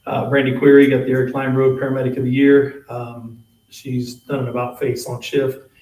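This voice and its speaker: Fire chief guy reading off his report, pretty monotone, sounds far from the mic in a boomy room. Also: normal speed, echoey room. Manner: plain, even report with occasional laughs. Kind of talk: reporting at a township board meeting. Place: meeting room.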